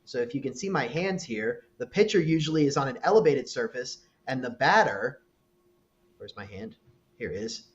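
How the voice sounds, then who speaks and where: A man doing live baseball commentary, explaining plays in a measured way with frequent fillers. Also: medium pitch, expressive, highs cut off.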